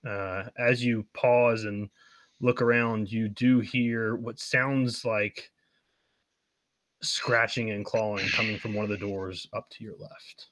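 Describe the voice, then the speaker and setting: A man narrating as game master, describing scenes in a halting way with fillers. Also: on the low side, fairly even intonation, a bit bright, no room sound.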